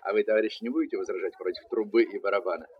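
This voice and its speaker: A man's voice: fairly low pitch, very fast, dull audio, a little hiss or hum, lightly acted. An actor playing a kindly, fatherly former soldier who talks to children in playful mock-military style. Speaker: actor in a dramatized story. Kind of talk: dramatic film or radio acting.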